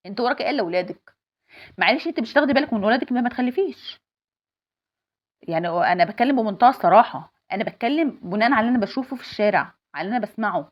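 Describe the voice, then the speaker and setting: A woman's voice: on the high side, lively intonation, rapid-fire, dull audio. A woman in her forties with an Egyptian accent, giving insistent advice to other mothers and repeating her points emphatically.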